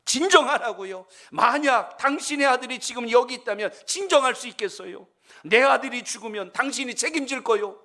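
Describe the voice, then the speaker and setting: A man acting out a furious father who shouts and accuses, his voice full of tearful anger. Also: extremely high pitch, expressive, a little fast, voice pushed up, full character voice. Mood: furious shouting. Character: furious frantic father of an injured boy.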